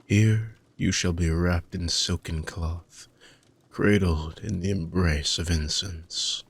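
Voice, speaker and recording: Using an exaggerated, low, gravelly and husky voice, the performer embodies a tired, ancient dark mage, murmuring soft, formal, deliberate lines. This slow, intimate fantasy monologue for sleep-aid roleplay carries a tender, wistful feeling.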